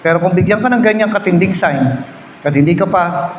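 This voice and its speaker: Male pastor, Filipino accent, sermon, storytelling, hushed prayer to loud exhortation, long hall reverb, faint background noise. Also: high-pitched, a little fast. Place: church hall. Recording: echoey hall, slightly dull sound.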